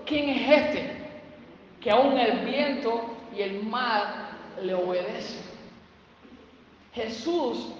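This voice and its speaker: A man's voice: very high-pitched, a little hiss or hum. A man with a Cuban accent preaching a sermon and telling scripture stories in his own words. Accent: Cuban Spanish. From Cuba. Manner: vivid storytelling, retells scripture scenes. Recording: echoey hall, distant mic, dull sound.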